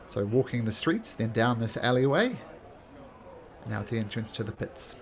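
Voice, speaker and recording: A man's voice: mid-range voice, animated, normal speed, creaky, background noise. A man improvising narration as the game master of a tabletop role-playing game.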